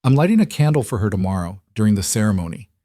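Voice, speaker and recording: A man's voice: fairly low pitch, big pitch swings, fast talker, dark tone, no room sound, studio quality. A man voicing a composed female CEO and young mother in a storybook narration, firm and persuasive. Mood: tender.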